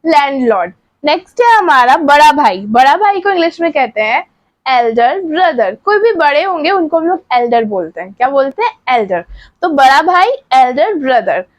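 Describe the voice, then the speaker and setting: A woman teaching English words, asking what each word is called and then repeating the answer slowly. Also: high-pitched, very animated. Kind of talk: vocabulary lesson.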